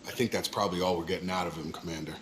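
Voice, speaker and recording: A man playing a calm soldier teammate in a video game, matter-of-fact in manner. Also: sits low, very fast, very noisy, lightly acted.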